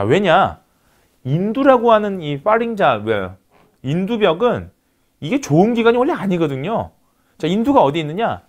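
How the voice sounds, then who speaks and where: A man giving a recorded university lecture, explaining step by step and repeating key terms. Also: fairly high pitch.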